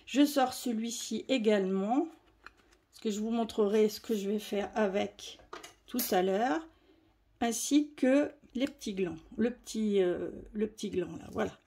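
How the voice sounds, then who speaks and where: A woman's voice: medium pitch, a little slow, dark tone. A woman demonstrating a crafting tutorial, chatty and explaining as she works. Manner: chatty, explaining while working.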